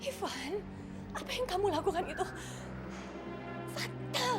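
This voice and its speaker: A woman's voice: extremely high pitch, sing-song, a little slow, full character voice. An actress playing a distressed older sister who scolds her brother while near tears, in a TV drama. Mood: scolding tearful. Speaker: older sister figure (Mbak). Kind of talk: TV drama acting. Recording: TV drama with loud music behind.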